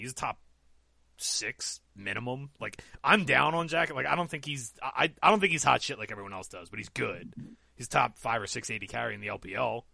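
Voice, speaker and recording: Guy hosting a podcast, gravelly voice, kinda sharp, rambles n corrects himself, dry close mic. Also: mid-range voice, dry recording. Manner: loose, rambling, self-correcting. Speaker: podcast host. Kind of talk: casual esports podcast chat.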